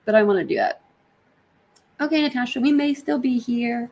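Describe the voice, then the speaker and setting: This livestream host talks to her audience indoors in an apartment, casual and meandering, with plenty of slang. She speaks at a moderate pace in a fairly high, slightly mellow voice.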